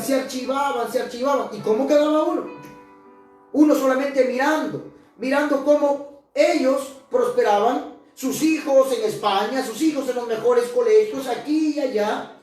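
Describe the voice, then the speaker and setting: A woman's voice: high-pitched, darkish tone. A woman preaching a sermon with impassioned delivery, acting out scripture quotes dramatically. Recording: echoey church hall, mic at a distance, faint music.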